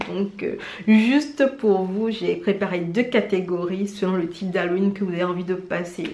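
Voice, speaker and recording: A woman vlogger chatting casually in an animated, slangy, self-mocking way as she gives recommendations. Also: on the low side. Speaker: vlogger presenting drama recommendations. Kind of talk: casual chat to camera. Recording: roomy indoor echo.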